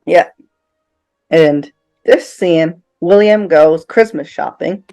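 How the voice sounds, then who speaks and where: A man's voice: fairly high pitch, slow, mellow. A man co-hosting a behind-the-scenes commentary, upbeat, steering the talk and prompting his partner. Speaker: co-host and actor in the fan film. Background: faint film music.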